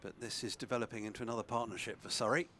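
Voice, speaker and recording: A man giving live cricket commentary in a measured, understated way with wordy phrasing. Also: medium pitch, fairly even intonation, fairly bright tone, a little hiss or hum.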